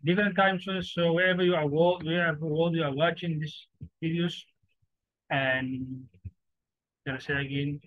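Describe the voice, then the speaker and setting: A man whose voice is on the high side, with fairly even intonation, teaches forex trading in an informal monologue. His English is broken and halting, with repeated phrases, reflecting his Somali first language; the lo-fi audio is dry and a little dull, with no room sound.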